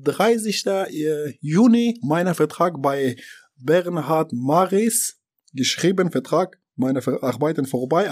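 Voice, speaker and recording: A man from Afghanistan, not a native German speaker, talking in an interview in halting, broken German with many fillers and restarts. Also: a little high. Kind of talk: interview about his deportation.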